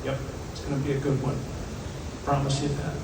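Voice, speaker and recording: A man speaking as a ship's captain, answering audience questions informally, in a conversational way with deliberate pauses. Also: medium pitch, monotone. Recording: echoey venue, distant, clearly noisy ambience.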